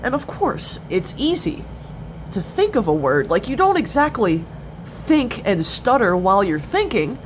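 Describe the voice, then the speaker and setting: This is a confessional video by a twenty-eight-year-old woman about living with a stutter, recorded noisily on a cell phone. She speaks in a sing-song, mid-range voice, her phrases broken up and halting, occasionally stuttering.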